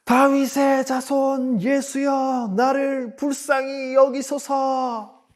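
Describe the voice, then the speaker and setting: A man playing a blind beggar, desperate, loud high-pitched slow plea. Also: lively intonation, full character voice. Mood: desperate pleading. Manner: loud pleading cry, drawn out.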